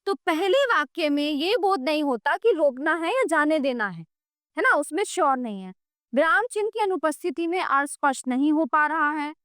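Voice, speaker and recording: A woman's voice: high-pitched, lively intonation, moderate pace, a bit bright, no echo, studio quality. A woman teaching a grammar lesson to children, patient and explanatory, often checking in with "okay".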